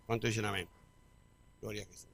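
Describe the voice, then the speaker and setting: A middle-aged man preaching a sermon, calling out to the congregation and swinging from quiet to loud. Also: lowish voice, steady tone, fast talker, a little hiss or hum. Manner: call-and-response preaching, big swings in loudness. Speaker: pastor.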